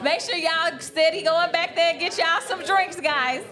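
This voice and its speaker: A woman's voice: very high-pitched, unhurried, soft background music. A woman co-hosting a live podcast brunch who laughs often and teases and hypes the audience. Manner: laughing, teasing, hypes the crowd. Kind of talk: lively hosting at a live event. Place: event hall with a live audience. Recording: live room with a loud crowd.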